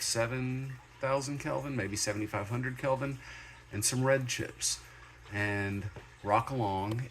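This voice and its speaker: A man's voice: deep voice, a bit bright, slight background noise. A man, a fish hobbyist, chatting casually through a first look at some lights in a room at home, rambling easygoing with fillers and corrections, into a handheld camera. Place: home room with fish tubs under a shelf.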